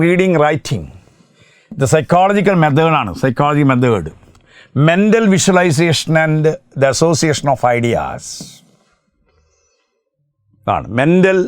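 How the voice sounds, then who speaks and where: A man with a Malayali accent teaching an exam prep lecture, dictating points slowly and then explaining fast, asking questions and answering them himself. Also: mid-range voice, no room sound, clean studio sound. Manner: switches between slow dictated English points and rapid explanation.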